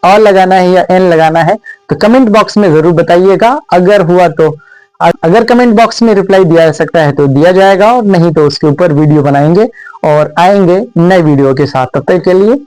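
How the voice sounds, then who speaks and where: A man with a Hindi accent teaching an English lesson, who explains step by step, asks the viewers questions and repeats example words slowly. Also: high-pitched, a little mellow, clear, resonant tone, no room sound, rough recording.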